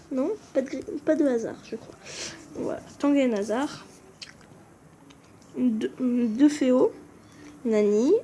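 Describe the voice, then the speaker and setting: A woman's voice: fairly high pitch, dark tone, a little hiss or hum. A woman giving casual commentary on a game video, hesitant and often stumbling over and correcting names. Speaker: gaming video creator. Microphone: phone screen recording.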